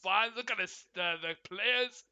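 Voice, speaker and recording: A man's voice: high voice, measured pace, pushed and bright, smooth, lo-fi sound. A man hosting a football watchalong, giving live commentary and repeating phrases as he puts questions to his viewers. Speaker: football watchalong livestream host.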